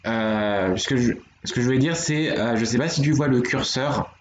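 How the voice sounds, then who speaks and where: This man's voice is mid-range, at a moderate pace, with a little noise behind it. Teaching Korean letters live, he patiently explains each step and responds to his chat, all in dull, echoey home stream sound.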